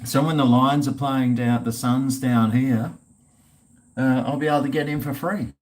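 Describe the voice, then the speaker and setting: A man's voice: medium pitch, fairly even intonation, normal speed, a little mellow. A man with an Australian accent chatting casually on a livestream, rambling and swearing in a blokey way. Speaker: live streamer chatting with viewers.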